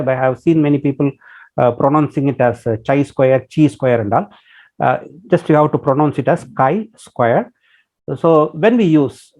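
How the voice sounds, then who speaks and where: A man with an Indian English accent gives a lecture at a medical college, explaining step by step and filling pauses with "okay" and "uh". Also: medium pitch, darkish tone. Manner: patient explaining, many "okay" and "uh" fillers. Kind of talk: recorded lecture. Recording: dull lo-fi lecture recording.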